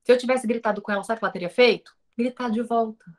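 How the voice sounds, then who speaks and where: A woman with a Brazilian accent gives a casual recorded lesson in a rather high voice. She puts rhetorical questions to her viewers and acts out the lines of people in her own stories. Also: racing. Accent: Brazilian Portuguese. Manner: lively, talks straight to the viewers with rhetorical questions. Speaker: teacher of an online course.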